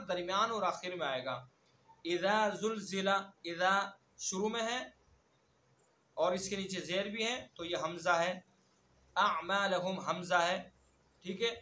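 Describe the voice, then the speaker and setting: A man teaching an online recitation lesson, chanting verses slowly and repeating words again and again to drill their sounds. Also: sits high, sharp tone, roomy sound. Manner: slow drawn-out recitation of verses between quick explanations.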